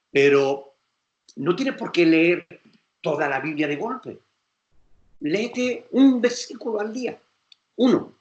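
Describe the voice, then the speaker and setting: A man's voice: on the high side, reverberant. A male pastor with a Spain Spanish accent, preaching emphatically and acting out quoted voices. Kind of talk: sermon lecture.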